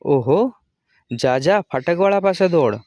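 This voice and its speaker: A man voicing careless young gentlemen on a stroll who brush off a plea for help. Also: fairly high pitch, lively intonation, measured pace, dry recording, studio quality, voice pushed up. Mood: dismissive. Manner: offhand, dismissive.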